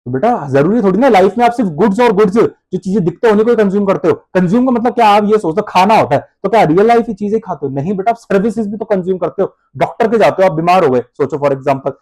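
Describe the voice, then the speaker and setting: Animated high-voiced teacher. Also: male voice, quick pace, hardly any pauses. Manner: animated, addresses students as beta, plays student answers himself. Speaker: accounting teacher. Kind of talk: classroom lecture.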